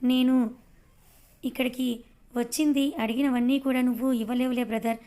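A woman voicing a smug young male rival who taunts loudly and mockingly in a storybook reading. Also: sits high, fairly even intonation, moderate pace, natural voice. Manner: mocking, loud.

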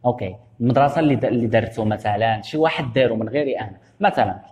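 A man with a Moroccan Arabic accent teaching English grammar. He explains in dialect, reads English examples slowly and keeps asking "okay?". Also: mid-range voice, darkish tone, in a large hall. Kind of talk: classroom grammar lesson.

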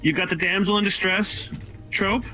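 A man's voice: sits high, fairly even intonation, moderate pace, pushed and bright, low-quality recording. A man co-hosting a casual livestream, talking thoughtfully and hesitantly with plenty of fillers. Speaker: co-host.

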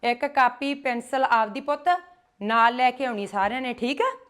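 A woman leads a children's language class, calling out each word slowly and loudly so the group can repeat it. Her voice sits high. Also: clean tone. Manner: slow, loud, drawn-out syllables for children to repeat. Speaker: Punjabi and Gurbani teacher. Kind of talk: call-and-response class teaching. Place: gurdwara classroom.

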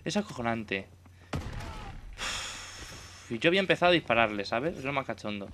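A man's voice: mid-range voice, big pitch swings, normal speed, pushed and bright, slight background noise. A young man with a Spain Spanish accent, commentating his own gameplay casually, swearing and exclaiming at the game. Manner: swearing, exclamatory, self-mocking. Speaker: gaming YouTuber.

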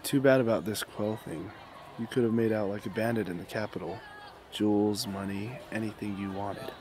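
Suave, low-voiced Finnick Odair, played by a man. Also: fairly even intonation, moderate pace, a little mellow, a little hiss or hum, natural voice. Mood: teasing, suave. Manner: suave, teasing, insinuating. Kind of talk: amateur radio drama acting.

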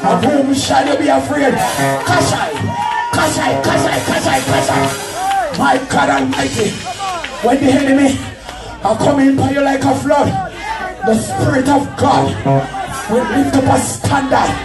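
A male pastor preaches at a pulpit microphone with a very high, lively voice. He drags his words out slowly while shouting scripture and firing off gunshot noises. The sound is roomy and distant, with loud music and a noisy congregation behind him. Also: over a noisy crowd. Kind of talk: fiery shouted sermon. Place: church. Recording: echoey church heard from far off.

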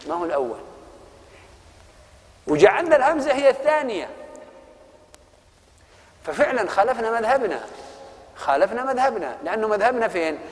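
A middle-aged man with an Egyptian accent teaching a classical text, animated, asking the class questions and acting out both sides of the argument. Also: extremely high pitch. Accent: Egyptian Arabic. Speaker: Quran orthography teacher. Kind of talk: explaining a classical text to students. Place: mosque lesson hall. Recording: long hall reverb.

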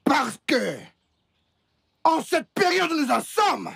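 An actor dubbing a menacing young gang enforcer in a film, raspy and threatening. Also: male voice, very high-pitched, very animated, slow, no room sound, clean studio sound, exaggerated voice. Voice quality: raspy, gravelly. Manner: threatening, pleading, with sudden shouts. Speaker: son of the gang matriarch. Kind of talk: dubbed film dialogue.

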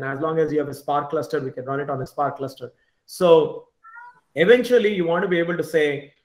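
Over a video call, a man leading a tech team walks an online meetup through his slides informally, frequently restarting his words and adding "you know" asides. His voice is a little high, captured by a computer mic in an echoey, bright indoor room at home or in a small office.

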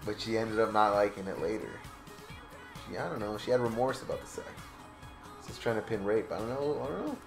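A man's voice: lowish voice, a little fast, creaky, pauses often, over music. A young man chatting casually over gameplay as a commentator, swearing freely and laughing at his own remarks.

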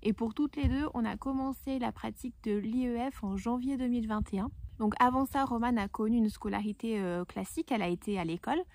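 A woman vlogger and parent explaining things chattily to her viewers, in a low-quality recording from a nearly empty, echoing house. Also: fairly quick, hardly any pauses, a little mellow. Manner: chatty, addresses viewers directly. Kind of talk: explanatory vlog talk to viewers. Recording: noisy, echoey low-quality home recording.

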